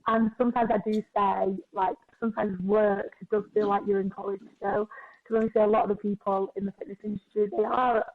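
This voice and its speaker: A chatty twenty-one-year-old woman speaking as a podcast guest, a personal trainer who fills her talk with casual filler words. Her voice sits at an ordinary middle pitch for a woman. The sound is thin and tinny, as if over a phone line. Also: little pitch movement. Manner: chatty, quick, lots of "like" and "you know".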